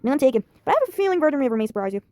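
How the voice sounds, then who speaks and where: Girl doing a friendly small-town lady, chatty and upbeat, high voice, quick. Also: big pitch swings, dark tone, no room sound.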